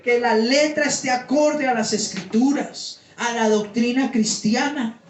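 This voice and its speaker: A man's voice: very high voice, a little slow. Preaching man, heard from afar in a room. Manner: explanatory, asks the congregation questions. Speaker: pastor. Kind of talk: sermon teaching. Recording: roomy sound from a distance.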